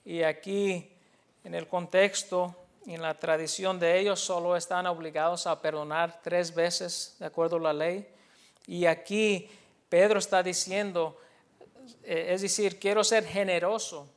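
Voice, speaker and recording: A pastor with a fairly high male voice preaches in an earnest, teacherly way. He explains a passage, then restates it in a second language, with hesitant fillers and restarts along the way. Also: little pitch movement, measured pace. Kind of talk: bilingual sermon, preaching.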